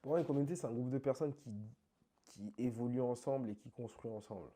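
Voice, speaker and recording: A man being interviewed about dance, talking in an animated, emphatic, slangy way. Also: medium pitch, fast. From France. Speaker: interview guest, krump dancer. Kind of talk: casual conversational interview.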